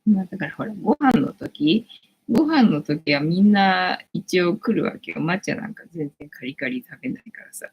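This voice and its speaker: A woman's voice: fairly low pitch, lively intonation, normal speed, husky, lo-fi sound. A woman in her late forties hosting a casual livestream from home, rambling chattily with lots of fillers. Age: late 40s. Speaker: livestream host.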